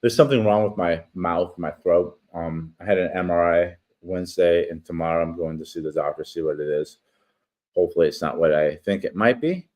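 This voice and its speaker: A man's voice: deep voice, brisk, a little mellow. A middle-aged man whose speech is slurred and thick from a swollen tongue, talking casually and reading his own writing. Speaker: writer and online host. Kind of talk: casual talk and reading own article aloud.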